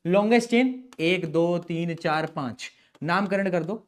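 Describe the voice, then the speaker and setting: A young adult man tutors chemistry in a chalkboard-style lesson, playful and chatty, joking with students and calling them "beta" and "bhai." His voice is high-pitched and unhurried.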